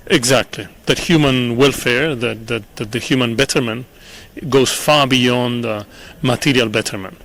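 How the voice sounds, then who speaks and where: A middle-aged man from Chile, answering interview questions in an earnest, measured way with frequent pauses and repeated words. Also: mid-range voice, fairly even intonation, creaky, a bit bright. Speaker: interview guest, international official. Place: conference venue.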